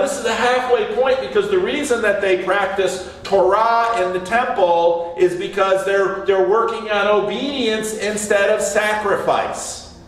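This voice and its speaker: A man's voice: high-pitched, fairly bright tone, slight background noise. A man preaching a sermon in a church, chatting with his congregation and asking them questions. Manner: conversational, asks the congregation questions. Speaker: pastor. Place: church sanctuary. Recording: echoey church hall, mic from far off.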